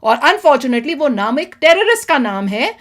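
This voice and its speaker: Woman, from India, vlog host, high voice, chatty, speculative, thinks aloud. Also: sing-song, moderate pace, fairly bright tone. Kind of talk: casual commentary in Hindi mixed with English.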